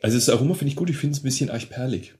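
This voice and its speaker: A man's voice: medium pitch, a little mellow. A man with a Franconian German accent, co-hosting a casual beer tasting with chatty, joking remarks. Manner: chatty and joking, quick asides. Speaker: podcast co-host, beer taster.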